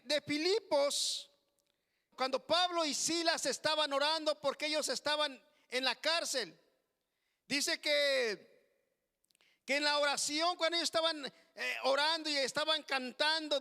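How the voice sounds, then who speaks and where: A man with a very high, bright voice delivers a slow, deliberate sermon. He stretches his phrases and keeps calling out to his listeners as brothers. His voice rings with a long reverb in a church hall. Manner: slow, drawn-out preaching with frequent "hermano" asides. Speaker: preacher.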